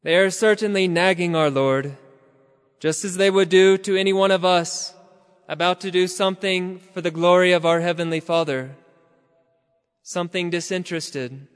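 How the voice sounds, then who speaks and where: A high-pitched man preaches in a slow, measured cadence, now and then lifting into a near-chant. His voice is smooth and resonant. A long reverb trails behind him, as in a large church. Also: steady tone. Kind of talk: sermon.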